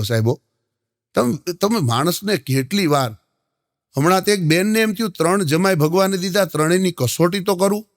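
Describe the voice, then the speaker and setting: A man telling folksy stand-up jokes, acting out both sides of each dialogue. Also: fairly high pitch. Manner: folksy storytelling, addresses the audience as sahib, acts out both sides of dialogues. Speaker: stand-up comedian. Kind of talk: Gujarati stand-up joke telling.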